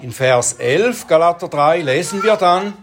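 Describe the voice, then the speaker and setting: A preacher giving an expository sermon, explaining Bible verses in a deliberate, measured way. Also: medium pitch, lively intonation, a little hiss or hum.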